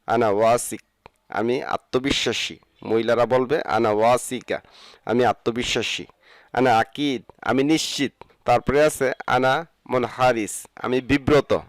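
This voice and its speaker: A man teaching a language lesson, saying each phrase slowly and then explaining what it means. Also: medium pitch, no echo. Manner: says each Arabic phrase slowly, then gives its meaning.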